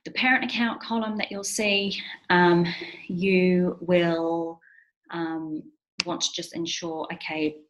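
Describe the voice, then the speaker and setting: Woman w a fairly low voice doing a screen-share tutorial, chill step-by-step explaining, lots of ums. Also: fairly even intonation, takes it slowly, a bit bright, dull audio. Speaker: software tutorial host.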